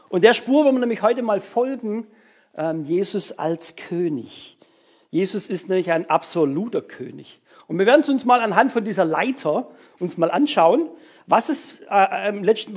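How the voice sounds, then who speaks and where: Chatty youth leader, high voice. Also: male voice, breathy edge. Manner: chatty, many fillers and tag words. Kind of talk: casual sermon to young people.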